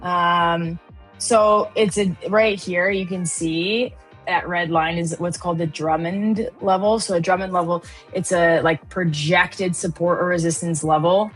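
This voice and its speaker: A woman's voice: on the low side, steady tone, unhurried, faint music behind, rough recording. Chatty Midwestern woman trading host. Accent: Upper Midwest American. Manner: chatty, uses many fillers. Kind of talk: live market commentary.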